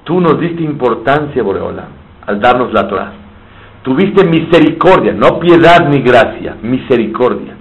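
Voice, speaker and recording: A man's voice: mid-range voice, lively intonation, unhurried. Man teaching a sermon. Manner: explains terms in Hebrew and Spanish, asks and answers his own questions. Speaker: rabbi teaching Torah. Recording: slightly dull, faint background hiss.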